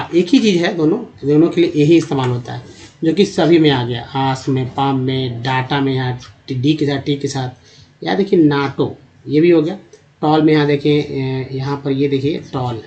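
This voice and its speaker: A man teaching English pronunciation to Hindi speakers, spelling out words and repeating each one slowly while quizzing the viewer. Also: on the high side, a little hiss or hum. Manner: repeats each word slowly, drilling vowel sounds; addresses viewers as friends, asks rhetorical questions. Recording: dull lo-fi recording.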